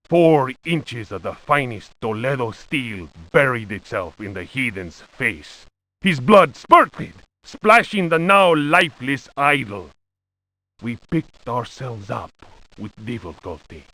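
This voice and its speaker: A Spanish lieutenant solemnly recounting horrors for a video game. The delivery is slow and theatrical, badly overacted, with sweeping rises and falls in pitch. The recording is close and dry. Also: male voice, big pitch swings, bright, forceful tone, no echo, heavily acted, poor audio. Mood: grave, melodramatic. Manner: hammy, overwrought bad acting. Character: Spanish lieutenant recounting a horrifying expedition, pompous and melodramatic. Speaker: narrator reading old books in a video game. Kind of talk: theatrical scripted narration of a horror journal.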